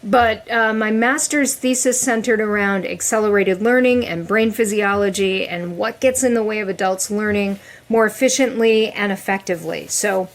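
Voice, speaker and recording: A middle-aged woman chatting as a podcast guest, animated, often laughing and restarting her sentences. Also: mid-range voice, normal speed, hardly any pauses. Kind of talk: casual podcast conversation.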